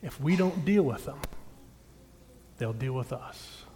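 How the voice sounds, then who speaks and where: A middle-aged man preaching a sermon as pastor, addressing the congregation directly and swinging between loud, emphatic lines and hushed, intimate ones. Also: medium pitch, animated, slow pace. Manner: talks directly to the congregation with questions. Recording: long reverb of a large hall.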